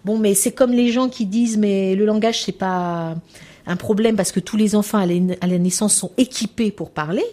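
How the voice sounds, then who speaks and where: Lecturing about children's language development, a woman speaks at a normal speed in a medium-pitched voice with a dark tone. She tells anecdotes in a conversational way, repeatedly falling back on "hein" and "voilà".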